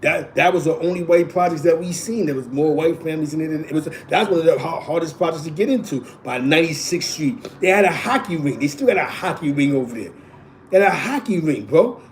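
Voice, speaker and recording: A man's voice: a little high, lively intonation, brisk, a little hiss or hum. Rambling New York man in his forties. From East Harlem, New York. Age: 40s. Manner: rambling, repeats himself, constant "you know what I'm saying". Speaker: show host. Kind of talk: casual streetwise storytelling.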